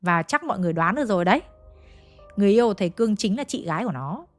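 A woman's voice: mid-range voice, expressive, very fast, no room sound, faint music behind. A woman with a Hanoi accent retelling a ghost story in a chatty, dramatic way, speaking straight to her listeners. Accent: Hanoi Vietnamese.

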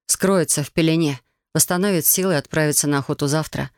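A man reading a novel aloud as an audiobook narrator, in a calm, even storytelling manner. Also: on the high side, quick pace, no room sound, studio quality.

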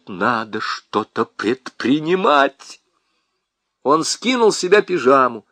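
A male audiobook narrator reads with theatrical expression. His fairly high voice rises and falls a lot at an unhurried pace. The close studio recording is dry. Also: a bit bright, no room sound.

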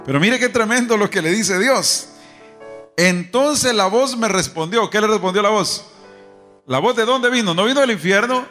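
A man's voice: high voice, normal speed, a bit bright. A man preaching a sermon at a church service, asking questions and calling the congregation to repeat after him. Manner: rhetorical questions and call-and-response with the congregation. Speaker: pastor. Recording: long reverb, faint music behind.

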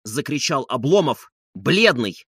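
A man narrating a classic novel as an audiobook, in a steady, measured delivery between lines of dialogue. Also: mid-range voice, husky, no echo, studio quality.

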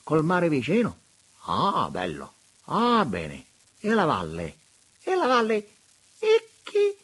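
A man voicing an effusive, soft-mannered elderly bishop who gushes in high exclamations. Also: huge pitch swings, slow pace, breathy edge, heavily acted. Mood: delighted. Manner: gushing, exclamatory, shrill.

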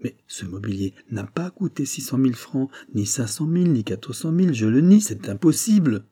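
A man with a husky voice voicing a desperate secretary who protests his innocence in an audiobook. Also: lowish voice, a little fast, dark tone, dry recording. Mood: indignant. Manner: agitated, indignant protests.

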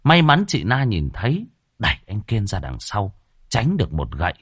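A man's voice: lowish voice, wildly swooping pitch, normal speed, slightly rough, no echo, clean studio sound. A man telling a ghost story in scripted, dramatic narration.

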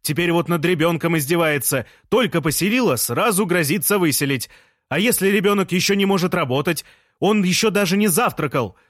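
Boisterous shouting husband, as a male reader puts him on, high and loud, dry recording. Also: lively intonation, a little fast, dry recording.

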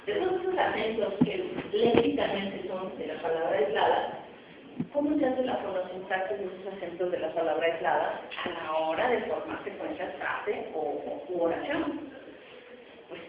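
A woman's voice: mid-range voice, sing-song, normal speed, noisy background. A woman professor giving a university phonetics lecture, explaining and often checking in with the class. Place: large echoey classroom. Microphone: distant recorder. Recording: echoey, distant, muffled classroom recording.

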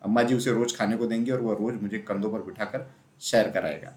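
A man narrating a classic children's story aloud in a steady storytelling manner. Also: lowish voice, brisk. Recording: roomy echo.

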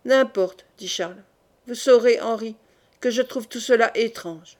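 A woman voicing a suspicious, stern young French king who questions his court in a probing, quietly menacing way, in an audiobook. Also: a little high, measured pace, natural voice.

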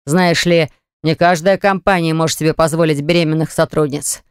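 A reader voicing a callous small-company boss who defends himself in slow, indignant tones. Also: male voice, a little high, steady tone, smooth, dry recording, studio quality, natural voice. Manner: slow, indignant, self-justifying.

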